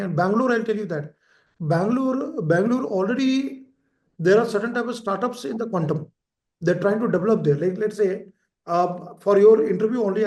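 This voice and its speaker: High-voiced man lecturing in an echoey room. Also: dark tone. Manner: repeats key terms, asks frequent "right?" checks. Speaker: teacher. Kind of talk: lecture for exam preparation.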